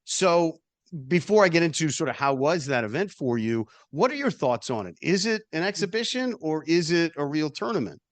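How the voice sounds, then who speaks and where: A man's voice: fairly high pitch, very animated, moderate pace, dry recording. A man hosting a tennis podcast, chatting with guests in an effusive way and laughing often. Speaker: podcast host. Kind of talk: casual interview chat. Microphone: video call.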